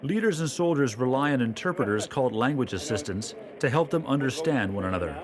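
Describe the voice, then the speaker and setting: A man reading scripted documentary narration in a calm, measured way. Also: mid-range voice, a little hiss or hum.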